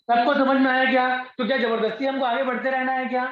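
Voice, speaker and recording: A male chemistry teacher lectures his class in a very high voice, talking fast with little pitch movement. He coaxes his students and repeats his questions to them, and the classroom recording is echoey and dull.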